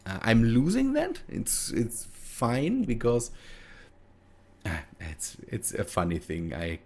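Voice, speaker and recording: In a mid-range, sing-song, slightly mellow voice, a gaming video host talks slowly through his gameplay. He's a native German speaker with a German accent, and his casual commentary wanders hesitantly as he thinks aloud and corrects himself.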